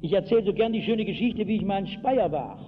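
A man preaching an evangelistic sermon to a hall, telling stories from his own life and breaking into acted shouts. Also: high voice, lively intonation, fast talker. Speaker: pastor. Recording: tinny lo-fi hall recording with hiss.

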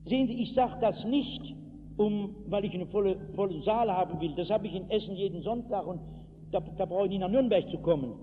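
A man preaching an evangelistic sermon to a hall, telling stories from his own life and breaking into acted shouts. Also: high voice, a little fast. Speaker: pastor. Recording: tinny lo-fi hall recording with hiss.

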